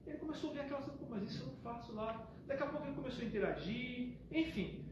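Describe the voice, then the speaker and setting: A man giving a spiritist lecture, telling a story and acting out the dialogue between a calm father and a pleading son. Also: very high voice, racing. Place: spiritist center hall. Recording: echoey hall, distant lo-fi mic, faint hiss.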